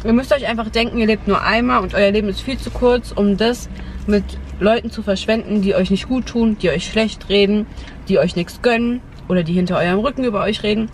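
Recorded by a dashboard camera amid car noise and outdoor ambience, a young woman vlogger chats and offers casual advice. Her voice is mid-range and she talks fairly quickly.

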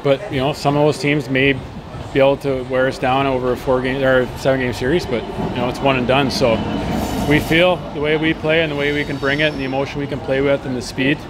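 Brisk and level in tone, a medium-pitched hockey player in his thirties does an earnest, positive post-game interview into a handheld mic. It's nighttime outdoors next to an arena, the background is noisy, and he uses frequent fillers.

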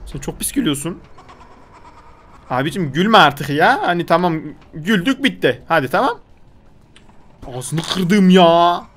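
A man's voice: high voice, very animated, unhurried, pauses often, fairly bright tone, a little hiss or hum. A man. He sounds chatty and exasperated, and keeps scolding the character on screen. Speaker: gaming video host. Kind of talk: gameplay commentary.

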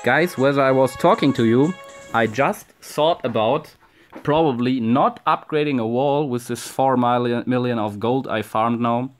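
A man's voice: mid-range voice, a little slow, soft background music. A young man with a German accent commentates a strategy game he is playing at home, cursing at his troops and talking to his viewers. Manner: frustrated, swearing, talks to viewers. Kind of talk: casual gameplay commentary.

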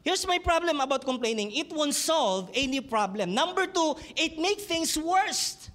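A man's voice: very high-pitched, animated, a little slow, fairly bright tone. A man with a Filipino accent preaching a sermon in church, switching between Tagalog and English and asking the congregation questions. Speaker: pastor.

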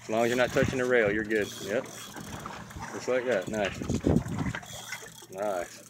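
A man's voice: fairly low pitch, steady tone. A man running a fishing charter, joking and laughing as he coaches an angler on his boat out at sea. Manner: joking, laughs often, gives quick instructions. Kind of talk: casual coaching while fishing. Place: outdoors on a small open boat at sea. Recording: wind and boat noise on open water.

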